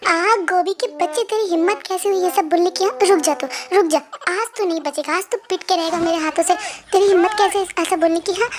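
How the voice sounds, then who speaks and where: A woman's voice: very high voice, fairly quick. A woman voicing a hot-tempered older brother who scolds, mocks and threatens his younger sibling, in a fan-dub drama. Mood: threatening.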